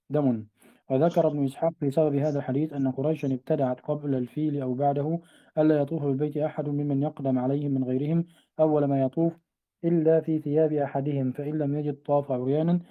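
A man reading a classical commentary aloud to his teacher in a fast, even recitation, now and then correcting himself. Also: fairly high pitch. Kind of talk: traditional classical text recitation.

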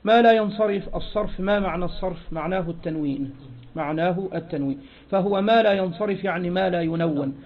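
A man teaching grammar in a lecture, asking questions and answering them himself, repeating key phrases and reading quoted text slowly. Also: sits high. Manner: reads quoted text louder and slower. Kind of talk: classroom lecture explaining a text. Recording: dull lo-fi recording.

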